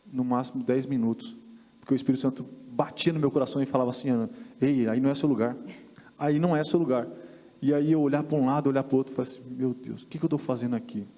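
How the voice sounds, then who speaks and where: Earnest Brazilian man, mellow voice. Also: mid-range voice, long reverb tail. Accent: Brazilian Portuguese. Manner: earnest, halting storytelling. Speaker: podcast guest giving testimony. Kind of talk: personal faith testimony. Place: church podcast studio.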